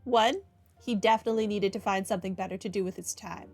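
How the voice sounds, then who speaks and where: A fast-talking woman with a steady, mid-range voice hosts gaming commentary over a playthrough. She muses aloud and chats, sharing strong opinions as game music plays underneath.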